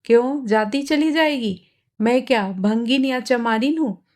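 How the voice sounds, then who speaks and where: A woman reading aloud, voicing a sharp-tongued young woman who taunts and then pleads. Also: fairly high pitch, unhurried, close to an everyday voice. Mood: teasing. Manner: sarcastic, taunting. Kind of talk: storybook reading.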